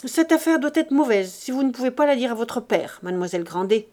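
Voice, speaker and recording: A domineering old miser of a father, insistent and hectoring, read by a woman. The voice is fairly high yet mellow and warm. It is an audiobook reading with emphatic, pressing delivery. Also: animated, fairly quick, lightly acted. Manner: wheedling then hectoring, emphatic.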